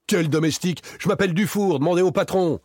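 A man putting on a panicked servant, shrill, stammering, whiny, husky, storybook reading. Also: animated, a little fast, a little mellow, no room sound, clean studio sound. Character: frightened shifty male servant accused of murder.

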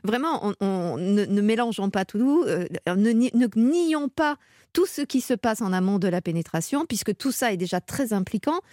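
A woman's voice: medium pitch, expressive, normal speed, darkish tone, dry recording, clean studio sound. A woman sexologist and psychoanalyst speaking frankly and thoughtfully on a radio show, often repeating words as she thinks. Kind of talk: expert radio chat.

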